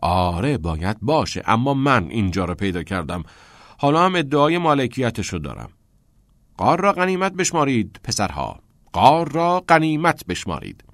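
A man's voice: lowish voice, very animated, a bit bright, no echo, studio quality. A man voicing a bold, restless teenage schoolboy with a boastful manner. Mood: cocky. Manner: boastful, grandiose.

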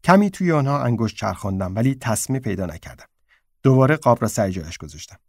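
A man reading a short story aloud in a subdued, low-key way. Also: big pitch swings, a little mellow, dry recording, clean studio sound. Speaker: narrator.

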